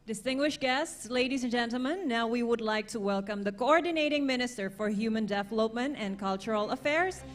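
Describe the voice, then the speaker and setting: A woman acting as ceremony emcee, making a slow, formal announcement. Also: fairly high pitch.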